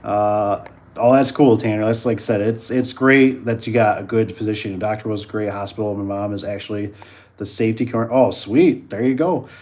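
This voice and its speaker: A man's voice: lowish voice, steady tone, moderate pace, a little mellow. A man chatting casually as host of a live stream, rambling and repeating himself while reacting to viewers.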